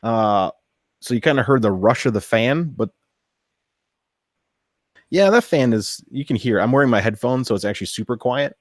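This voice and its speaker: A man's voice: mid-range voice, normal speed, long pauses, dry recording, clean studio sound. A man giving a casual hands-on review of a 3D printer, talking technically with many fillers while his mic's automatic gain swells and dips unevenly. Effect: uneven automatic gain on the mic. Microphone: mic moved across the room.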